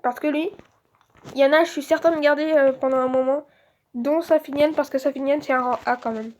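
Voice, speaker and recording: High-voiced woman chatting over gameplay. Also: steady tone, brisk, darkish tone. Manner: chatty, thinking aloud with many fillers. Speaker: let's play gamer. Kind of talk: casual gameplay commentary.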